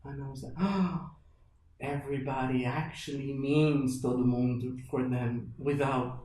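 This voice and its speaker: With a mid-range voice and a slightly slow pace, this animated guest, whose first language is Portuguese, acts out his past thoughts while storytelling in an informal interview. There's slight background noise, room echo, and faint music.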